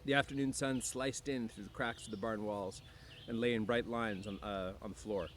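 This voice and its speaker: This relaxed, teacherly man speaks at normal speed in a fairly low voice with fairly even intonation. Near the woods outdoors, he makes casual conversation with students and reads them a book, clearing his throat frequently as clear outdoor background noise plays.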